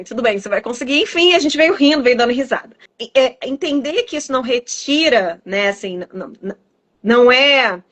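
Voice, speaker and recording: Woman psychologist, mom, kinda high voice, chatty podcast style, tells stories acting out who said what. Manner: lively storyteller who acts out remembered exchanges. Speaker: psychologist and mother. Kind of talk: casual podcast conversation.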